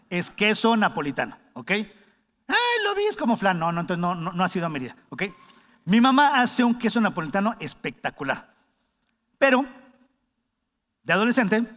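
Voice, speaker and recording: A man preaching a sermon, talking conversationally and often asking the congregation questions. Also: sits high. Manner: conversational, asks the congregation questions, acts out shouted warnings. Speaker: pastor. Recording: long hall reverb.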